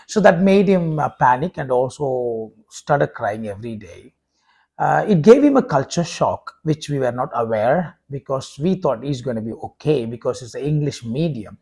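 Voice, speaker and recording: Speaking casually to the camera, a husky Indian man with Tamil as his first language sounds animated and warm at a medium pitch. He's a vlogger and preacher whose halting speech is peppered with "uh" fillers and restarts.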